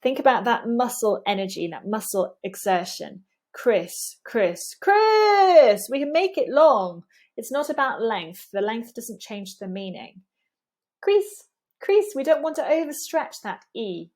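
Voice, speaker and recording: Woman, pronunciation coach, slow delivery, patient explanations, exaggerated repeated sound drills. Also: fairly high pitch, animated. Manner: demonstrates sounds by repeating words with exaggerated mouth movement. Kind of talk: pronunciation lesson.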